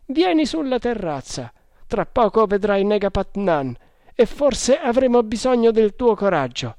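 A narrator voicing a jovial, bossy male army sergeant who calls out in a loud, high, hearty voice, in a storybook reading. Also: very animated, a little slow, dry recording, exaggerated voice. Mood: commanding. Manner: hearty, calling out.

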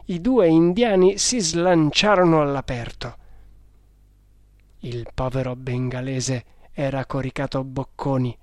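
A man reading an adventure novel aloud as narrator, slowly and in a measured way. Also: on the high side, no room sound, studio quality. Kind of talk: audiobook reading.

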